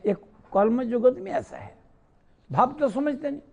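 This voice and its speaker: A spiritual teacher delivers a devotional discourse in a very high-pitched, gravelly, expressive voice at a measured pace. He tells scripture stories, posing rhetorical questions and then answering them himself.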